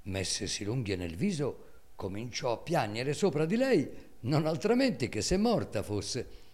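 A man giving a dramatic, measured reading of classic prose. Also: lowish voice. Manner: expressive, measured storytelling. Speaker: reader.

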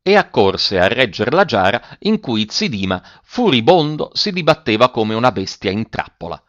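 Male storyteller, animated reading, wide pitch swings, dry close sound. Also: normal speed, dry recording, dull audio. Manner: dramatic, animated delivery. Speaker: narrator.

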